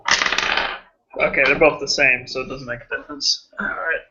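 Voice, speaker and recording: A man's voice: mid-range voice, fairly even intonation, normal speed, muffled recording, background noise. A man playing in a casual tabletop role-playing game over voice chat, joking and playing up his character's lines. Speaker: player.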